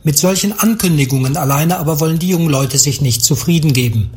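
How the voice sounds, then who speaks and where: A man's voice: on the high side, fast, darkish tone. Male correspondent filing a news report. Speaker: foreign correspondent.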